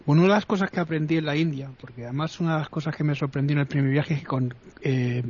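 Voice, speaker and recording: A man from talks in a casual discussion, hesitating and restarting often. His voice sits slightly high, in a slightly muffled recording. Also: quick pace, a little mellow, husky.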